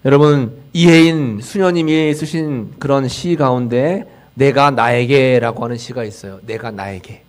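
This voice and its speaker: A man preaching a sermon as a pastor in a church, swinging from loud emphasis to near-whispered line endings and acting out voices of self-talk. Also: medium pitch, unhurried, few pauses. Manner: dramatic swings in loudness, trailing off to near-whispers at line ends; acts out quoted self-talk and leads the congregation in call-outs. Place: church sanctuary.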